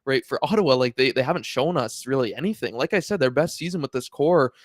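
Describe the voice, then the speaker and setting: A man co-hosting a sports podcast, rattling off his points at high speed in loose, conversational talk full of fillers. His voice sits in a middle register. The sound is dry and close on the mic. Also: lively intonation, dry recording. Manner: quick and conversational, many fillers. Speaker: podcast co-host.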